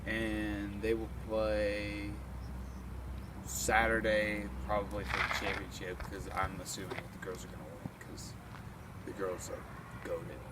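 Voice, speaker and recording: Young male sports presenter, unhurried and casual, clearly noisy off-mic recording. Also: on the low side, flat delivery. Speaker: sports presenter for a school show. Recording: distant mic, very noisy surroundings.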